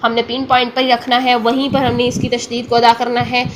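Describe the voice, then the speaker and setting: Against a noisy background, a woman speaking with a Pakistani Urdu accent teaches Tajweed in a high, flat voice. Patient throughout, she restates each point and often asks whether the listener understands the Quran pronunciation being taught.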